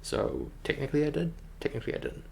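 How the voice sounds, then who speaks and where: A game developer rambles and thinks aloud on a livestream while working, chatting casually over background music. His medium-pitched, gravelly voice moves quickly with huge pitch swings.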